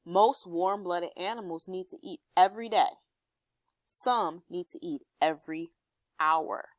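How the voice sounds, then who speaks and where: Reading an informational passage aloud, a female teacher explains it to pupils and pauses to quiz them on what they've understood. She speaks with a fairly low pitch, with no room sound.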